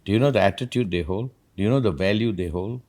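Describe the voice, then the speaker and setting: A man hosting a reflective talk, an animated storyteller who acts out quotes as he rambles through his points. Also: lowish voice, quick pace. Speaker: podcast host.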